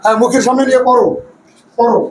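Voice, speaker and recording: A man teaching English pronunciation to a class, speaking in playful rhymes and calling out drills loudly. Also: very high voice, fairly even intonation, rapid-fire, poor audio. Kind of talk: classroom teaching, loud and rhyming. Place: classroom with students.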